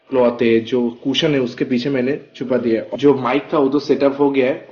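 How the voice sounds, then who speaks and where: A man with a mid-range voice, heard through a muffled recording, runs a casual, step-by-step hands-on product tutorial as a reviewer vlogger. He regularly pauses to check that the listener is following along.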